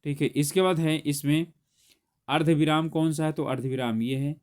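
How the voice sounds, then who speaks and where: A man's voice: fairly high pitch, steady tone, normal speed, a little mellow. A man teaching grammar, solving an exam paper aloud step by step and correcting himself as he goes. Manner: explains step by step, corrects himself mid-sentence.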